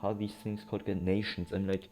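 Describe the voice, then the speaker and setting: A man with a lowish, mellow voice talks fast and flat as he plays through a game, rambling and thinking aloud in disbelief. Game music plays behind him.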